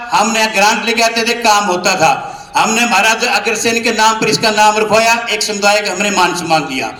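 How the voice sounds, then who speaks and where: An assertive man makes his party's case in a heated political debate. His voice is high and bright. It rings in an echoey hall with a faint hum of noise behind him. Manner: assertive, insists on being heard. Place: large hall with public audience.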